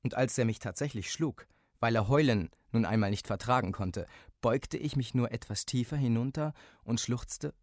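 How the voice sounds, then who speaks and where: A man reading a story aloud as narrator, expressive and lively. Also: mid-range voice, normal speed, dry recording, clean studio sound.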